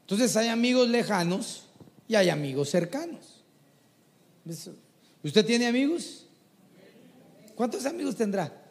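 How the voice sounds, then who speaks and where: A man preaching a folksy, animated sermon to a church congregation. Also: high-pitched, a little slow, gravelly, pauses often, big-room sound. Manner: animated, folksy, mimics people he talks about.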